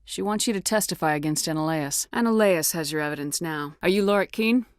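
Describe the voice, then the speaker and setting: An actress playing a tough, no-nonsense military space commander in a video game, with a clipped, assertive, businesslike delivery. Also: female voice, on the low side, brisk, no room sound, studio quality, lightly acted. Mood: cool, guarded. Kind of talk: video game dialogue acting.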